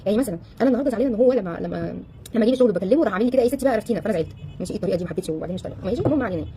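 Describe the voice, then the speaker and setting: A woman with an Egyptian Arabic accent coaching a live audience in a casual, animated way, firing off rhetorical questions and acting out the voices of the people she quotes. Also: mid-range voice, rapid-fire, a little hiss or hum. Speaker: relationship coach.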